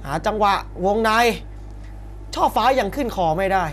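Speaking at a normal speed in a high-pitched voice, a man gives live play-by-play of a Muay Thai contest, all short punchy calls and exclamations. Crowd noise from the arena and a faint fight ambience run underneath the broadcast.

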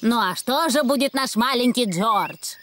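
High, chirpy Miss Rabbit. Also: female voice, animated, unhurried, noisy background. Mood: friendly. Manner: chirpy, obliging. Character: friendly female rabbit ice-cream seller. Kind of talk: children's cartoon dub.

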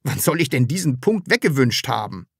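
A woman's voice: a bass voice, very animated, brisk, creaky, husky, no echo, clean studio sound, heavily acted. A woman voicing a timid, earnest grown man in an audiobook, talking in a way that is easily flustered. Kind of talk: audiobook character reading.

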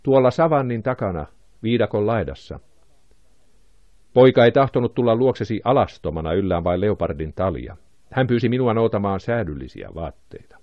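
A man voicing a calm, fatherly lord of the jungle in an audiobook. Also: on the low side, no room sound, dull audio. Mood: warm.

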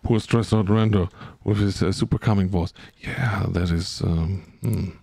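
A man's voice: low voice, steady tone, unhurried, creaky, dark tone, no room sound. A man streaming a game and chatting with his viewers, humming and scatting to himself as he plays, close to the mic. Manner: chatty, hums and scats to himself, reads chat aloud. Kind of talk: casual gameplay commentary to chat.

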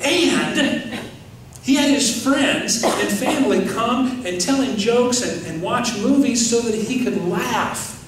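A middle-aged man preaching a sermon as pastor, animated and questioning his congregation. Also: high-pitched, slight background noise. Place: large church sanctuary. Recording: very echoey sanctuary, distant mic.

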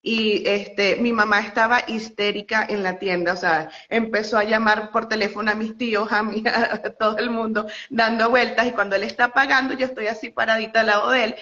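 A young Venezuelan woman spills out a story in a bright, forward voice, full of fillers, restarts and little laughs. The line sounds slightly muffled and lo-fi. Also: a little high, level tone, fairly quick. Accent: Venezuelan Spanish. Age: young adult. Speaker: interview guest. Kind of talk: casual phone interview storytelling.

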